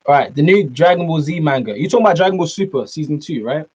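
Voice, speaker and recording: A young fitness streamer from Norway, raised in the UK, speaks with a British accent in a fairly high, husky, darkish voice, talking fast with lively intonation. He answers viewer comments in a laid-back way, calling them man and bro. The laptop mic gives a slightly dull lo-fi sound.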